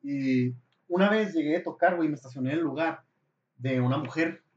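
A man's voice: a little high, fairly quick. A young man with a Mexican Spanish accent tells a story in casual chat, full of crude slang. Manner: animated, crude slang, acts out voices in his story. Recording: echoey room, dull lo-fi sound.

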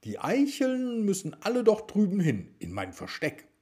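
A man's voice: high voice, wildly swooping pitch, normal speed, darkish tone, pitched above the performer's own voice. A man voicing a small, friendly talking squirrel in a bedtime story, with a raised, eager voice. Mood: worried.

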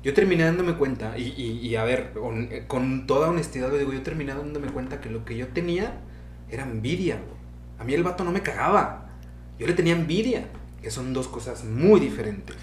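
A man's voice: medium pitch, animated, brisk, reverberant, slight background noise. A young adult man with a Mexican Spanish accent hosting a casual interview chat, swearing freely and acting out his own inner voice. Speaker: podcast host.

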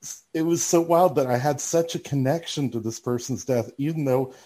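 A man with a Southern Alabama accent chatting casually, often repeating words as they start in a halting way. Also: mid-range voice, dark tone. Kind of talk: casual chat.

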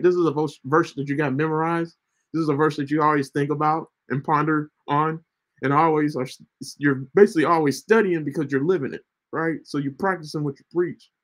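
Brief: man, early 30s, slightly high voice, casual ministry livestream host, rambling and friendly-paced. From United States. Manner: chatty, repeats himself, keeps asking "right?".

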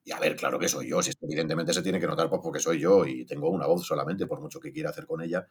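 A man talks in a deep, slightly husky voice. He is a voice actor chatting casually, animated and self-deprecating, dropping casual swear words. His tone stays low throughout. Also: very fast. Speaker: voice actor guest. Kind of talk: casual interview chat.

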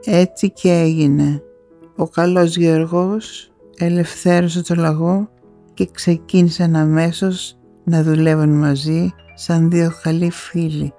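A woman narrating a fairy tale in an expressive storytelling manner. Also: fairly low pitch, soft background music. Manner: expressive, rising on key moments.

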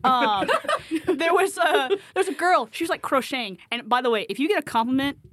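A young college woman with a high voice tells stories in a giggly, animated way. The sound is close and dry, with no room around it. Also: brisk, no echo. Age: young adult. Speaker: college freshman guest. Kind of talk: casual chat.

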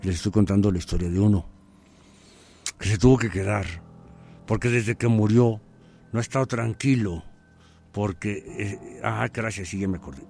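A man's voice: fairly low pitch, vocal fry, a little mellow, slight background noise. A man with a Mexican accent, a podcast host telling a spooky story live in a slangy, playful, digressive way.

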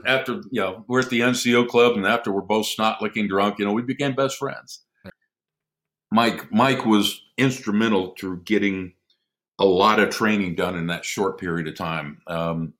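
Low-voiced man telling war stories. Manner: lively anecdotal storyteller who chuckles often. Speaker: podcast guest, former military airman. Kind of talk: casual storytelling in a conversation.

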